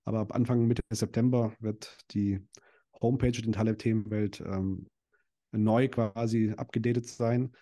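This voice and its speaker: A young adult man speaking as a podcast guest. His voice sits low and sounds warm and relaxed. He talks loosely, hesitating often and restarting his sentences. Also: moderate pace. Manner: hesitant, many fillers and restarts. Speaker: podcast guest, dental practice owner and event organizer. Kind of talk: casual interview chat.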